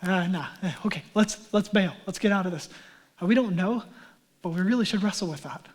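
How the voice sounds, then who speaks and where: Male pastor, fairly high voice, conversational sermon delivery that falls to near-whispers on key points. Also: a little fast. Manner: earnest, conversational, drops to a hush for emphasis; casual asides with fillers like "like".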